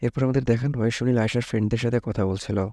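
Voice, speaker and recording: A man's voice: mid-range voice, steady tone, rapid-fire, dark tone, dry recording, studio quality. A man casually retelling a thriller movie's plot as a recap narrator, chatty and dropping joking asides.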